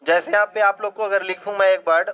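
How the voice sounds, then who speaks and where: Male teacher running a live online class, bright forceful tone, poses questions then answers them. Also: sits high, steady tone, quick pace, smooth. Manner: keeps checking if students understand; mixes English phrases into Hindi explanation. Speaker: English grammar teacher.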